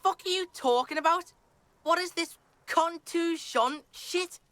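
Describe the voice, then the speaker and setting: Lady voicing a cussing twelve year old brat in a game, high and sharp, bossy third person talk. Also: a little slow. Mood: belligerent. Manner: swears constantly, talks about himself in third person. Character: foul-mouthed twelve-year-old boy, hostile. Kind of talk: video game dialogue.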